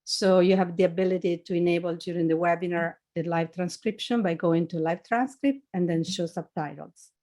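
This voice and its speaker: A woman's voice: lowish voice, fairly even intonation, brisk, darkish tone. A woman hosting a company webinar, introducing the guest and running through housekeeping notes in a friendly way over a video call. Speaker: webinar host.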